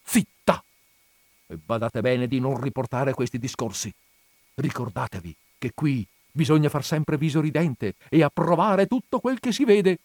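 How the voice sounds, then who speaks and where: A jittery old country priest, as a man reads him aloud, hissing and scolding in fear, then fawning with anxious courtesy. His voice climbs high and loud when he panics. The storybook reading is close and dry. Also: measured pace, no echo, natural voice. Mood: fearful scolding. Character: timid, fretful elderly village priest.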